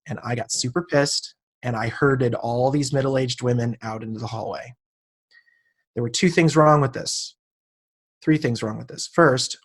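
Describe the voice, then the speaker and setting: A man in his late thirties, a guest on a podcast, tells a personal story in a relaxed conversational way. He acts out the voices of the people in his story, and his voice sits at an ordinary middle pitch. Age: 30s.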